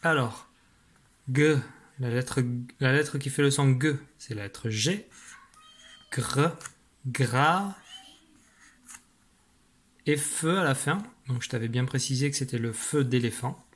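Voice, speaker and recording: A man's voice: mid-range voice, moderate pace. A man teaching a children's dictation lesson, patiently spelling words syllable by syllable. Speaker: primary school teacher.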